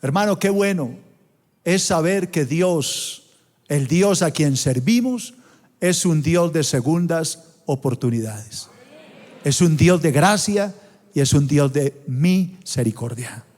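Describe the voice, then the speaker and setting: A man with a Colombian accent preaching a sermon as pastor in a large church auditorium, emphatic and slowing down to stress scripture quotes. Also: a little high, expressive, darkish tone. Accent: Colombian Spanish. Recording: long hall reverb.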